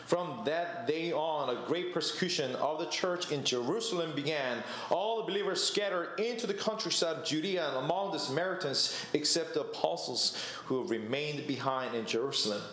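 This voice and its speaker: Speaking at normal speed with hardly any pauses, a young preacher with a slightly high, somewhat bright voice delivers a conversational sermon full of stories and self-directed laughter. The church room he's in is echoey.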